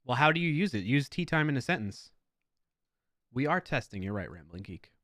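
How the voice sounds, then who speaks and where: A man's voice: medium pitch, sing-song, brisk, a bit bright, dry recording, studio quality. A man hosting a live coding stream, chatting casually with viewers and rambling between tasks. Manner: chatty, talks to chat, rambling asides. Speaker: livestream host.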